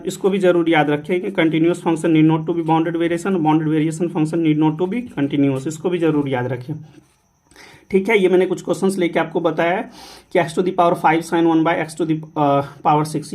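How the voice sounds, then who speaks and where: A man's voice: high-pitched, darkish tone. A man giving an exam-prep maths lecture, mixing Hindi and English, repeating key rules and asking and answering his own questions. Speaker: maths teacher.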